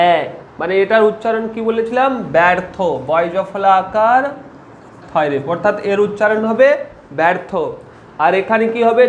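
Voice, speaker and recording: A man with a fairly high voice teaches spelling and pronunciation rules. He repeats each rule slowly and keeps asking questions to check his students follow. A faint hum of room noise sits underneath. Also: reverberant, muffled recording.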